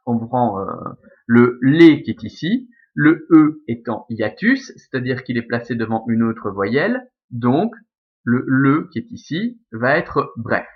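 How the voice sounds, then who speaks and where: A man with a Belgian French accent teaching a recorded Latin lesson, explaining step by step with many fillers and self-corrections. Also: medium pitch. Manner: patient, methodical, with frequent fillers and self-corrections. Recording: slightly dull lo-fi sound.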